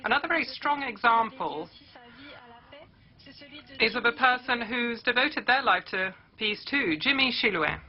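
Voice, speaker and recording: A woman's voice: fairly high pitch, expressive, a little slow, pauses often, lo-fi sound, background noise. A woman hosting an event, giving a formal introduction of the next speaker. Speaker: event host.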